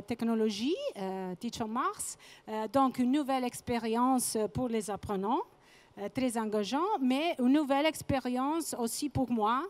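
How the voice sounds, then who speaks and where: Halting woman presenter with foreign-accented French, unhurried. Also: a little high, a little mellow. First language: not French. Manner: halting, non-native French with searching pauses and repeated words. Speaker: conference presenter. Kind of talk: public presentation. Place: trade-show conference stage, indoors. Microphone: handheld microphone.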